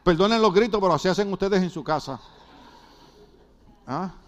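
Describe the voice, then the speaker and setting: A man preaching a sermon, joking with the congregation and breaking into shouts. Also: high-pitched, normal speed.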